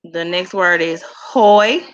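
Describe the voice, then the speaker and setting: A student reading Hebrew words aloud, halting and hesitant. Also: medium pitch, a bit bright, clean tone, dull audio.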